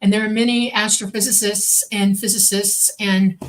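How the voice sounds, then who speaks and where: Born on a military base and raised all over, a Swedish-first-language woman in her sixties co-hosts a casual podcast as a contactee, rambling with frequent fillers and restarts. She speaks at a moderate pace and medium pitch, with little movement in her pitch.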